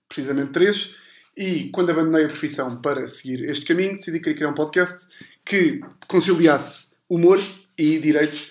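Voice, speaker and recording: A man from hosts in a casual, comedic way. His voice sits high for a man and races along very quickly. The recording has a roomy echo. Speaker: podcast host. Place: indoors in a home. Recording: roomy, echoey home recording.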